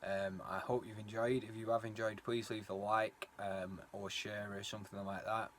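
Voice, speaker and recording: A man's voice: on the low side, level tone, moderate pace, a bit bright. A man chatting casually as he vlogs a night bike ride outdoors, rambling with lots of fillers. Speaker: cycling vlogger. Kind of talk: casual vlog narration while riding. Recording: windy outdoor phone recording. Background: wind noise.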